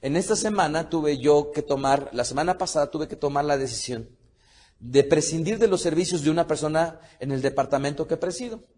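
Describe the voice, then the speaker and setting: A man with a somewhat high voice gives a sermon-style Bible study. He talks to his listeners as beloved and has them repeat words back to him. He spells out and pronounces Hebrew words slowly and with care. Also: darkish tone. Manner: addresses listeners as beloved, leads repetition of words, frequent restarts. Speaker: teacher of a Torah study.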